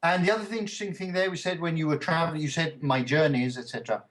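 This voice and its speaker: A man's voice: a little high, fairly even intonation, very fast, fairly bright tone. Patient male English teacher. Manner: patient, corrects and checks with "okay?" and "yeah?". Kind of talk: conversational English lesson.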